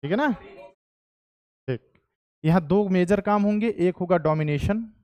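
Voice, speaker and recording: This young adult man has a high, slightly mellow voice and speaks at a measured pace with an Indian accent while teaching history. Playful with his class, he poses questions and moves between Hindi and English, and there's no room sound in the recording.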